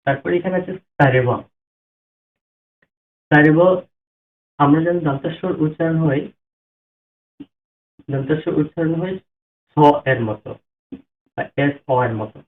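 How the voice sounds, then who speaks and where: A man teaching how to pronounce a devotional Sanskrit mantra, breaking words down slowly syllable by syllable and chanting examples. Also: a little high. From Bangladesh. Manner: slow, careful syllable-by-syllable explanation. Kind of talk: spoken lesson with chanted examples. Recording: tinny phone-like audio.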